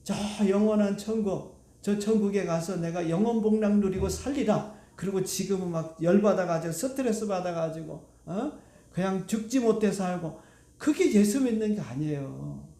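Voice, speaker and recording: A man's voice: sits high, animated, normal speed, dark tone, roomy sound. A male pastor preaching a sermon to his congregation, asking it rhetorical questions. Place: church sanctuary.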